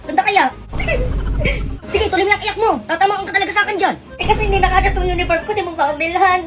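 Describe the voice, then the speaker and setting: A woman in comic family skits, talking in a quick, scolding, exasperated way. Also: very high voice, fairly even intonation. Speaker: comedy skit creator. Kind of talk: comic skits playing several family roles. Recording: skit clip with loud music behind.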